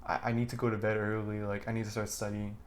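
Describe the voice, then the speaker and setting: A man's voice: on the low side, little pitch movement, fast, a little hiss or hum. Rambling teenage boy vlogging. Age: teens. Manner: rambling, heavy on fillers and restarts. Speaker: student vlogger. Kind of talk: diary-style talk to camera. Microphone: camera.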